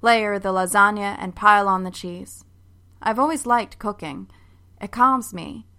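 A woman giving a wry, expressive first-person narration of a family story. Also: medium pitch, a little slow, smooth.

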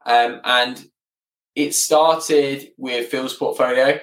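A property business owner in his thirties tells his story casually as a podcast guest, often hesitating and repeating words. His medium-pitched, fairly bright voice is slow and fairly even. He sits distant from the mic, so the sound is roomy and echoing.

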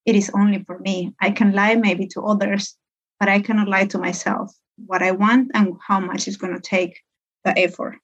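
A woman in her thirties from Peru, talking as a podcast guest. She chats loosely, full of fillers and small asides, at a middling pitch. The recording sounds dull and lo-fi. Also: level tone, normal speed, slightly rough. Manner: chatty, many fillers and laughs. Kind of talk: podcast interview.

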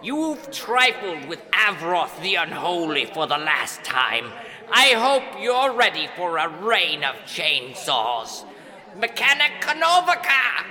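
A pompous, blustering sorcerer in a comedic audio drama. He declaims indignantly and deliberately, with a forceful edge and swooping pitch, in an echoing space. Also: exaggerated voice. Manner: bombastic, outraged declaiming.

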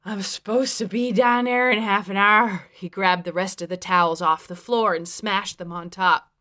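A woman's voice: medium pitch, steady tone, moderate pace, pushed and bright, lightly acted. Woman playing a slurring drunk Pittsburgh husband. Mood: drowsy. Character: drunk slurring husband, man, giggly and oblivious.

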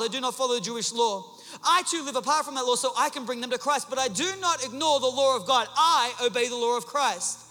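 A man's voice: very high-pitched, sharp tone, in a large hall. A male pastor preaching a sermon in a large church, with emphatic repeated refrains.

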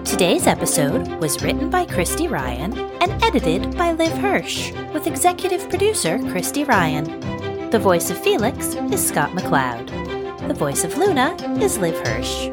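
A woman reading the closing credits of a drama podcast in a brisk, clear announcing manner. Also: medium pitch, huge pitch swings, loud music behind the voice. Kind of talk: scripted credits read-out.

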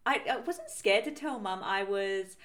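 A woman's voice: mid-range voice, unhurried, a bit bright. A young woman chats casually, telling a story with frequent laughter. She acts out the lines of the people in it and keeps up a loose, rambling flow. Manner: chatty, laughs often, acts out quotes. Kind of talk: casual chat.

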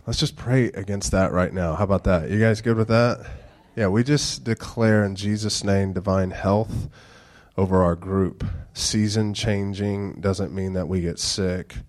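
A pastor in his thirties gives a casual sermon in a very deep voice, mixing church announcements with dad jokes. Congested with a stuffed-up nose, he speaks low and slow, close to monotone.

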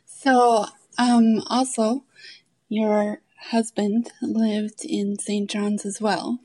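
Mellow-voiced woman hosting a podcast. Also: medium pitch, little pitch movement, very slow, low-quality recording. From Canada. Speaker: podcast host. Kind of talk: podcast interview.

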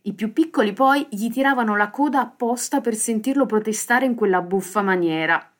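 A woman hosting a children's podcast, reading a fable aloud with lively, expressive delivery. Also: a little high, moderate pace. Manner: lively expressive reading with sound-effect words. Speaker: storyteller host.

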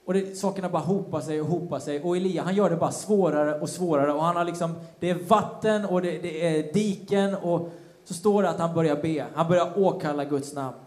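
A man's voice: a little high, a little mellow. A man preaching a sermon, retelling a Bible story with casual slang asides and acted-out quotes. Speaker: pastor. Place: church hall. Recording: roomy church hall sound.

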